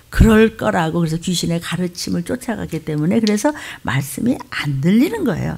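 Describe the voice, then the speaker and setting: Gravelly-voiced woman preaching with fervor. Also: medium pitch. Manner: emphatic preaching, swinging between loud exclamations and hushed whispers. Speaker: pastor. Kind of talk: sermon.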